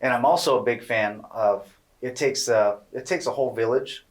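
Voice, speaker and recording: A man co-hosting a podcast, talking in a relaxed, rambling, opinionated way and swearing now and then. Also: medium pitch, normal speed. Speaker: podcast co-host. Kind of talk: casual podcast chat.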